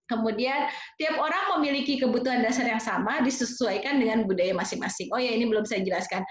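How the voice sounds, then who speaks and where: Expressive high-voiced woman lecturing casually. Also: fast. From Jakarta, Indonesia. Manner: expressive, fairly loud, chatty with fillers. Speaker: nursing lecturer. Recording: roomy, slightly dull lo-fi sound.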